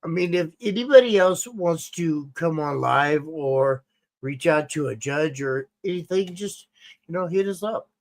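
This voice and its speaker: A man with a slightly high voice chats with enthusiasm on a casual live stream. He talks about the other judges in an effusive way. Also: animated, measured pace.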